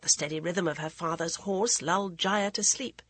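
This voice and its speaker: Female audiobook narrator, husky, dry close recording, middle pitch. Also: moderate pace, fairly bright tone, no echo. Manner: voices characters with raised pitch. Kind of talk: scripted storybook narration.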